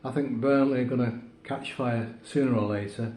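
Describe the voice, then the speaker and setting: Man co-host, mellow and measured, echoey room with faint hiss. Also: mid-range voice, fairly even intonation. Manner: measured, thoughtful with fillers. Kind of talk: casual football prediction chat.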